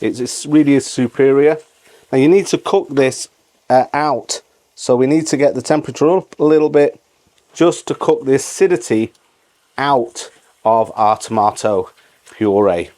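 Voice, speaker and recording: A man's voice: medium pitch, normal speed, warm tone. Man casually hosting a cooking tutorial. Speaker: cooking channel host.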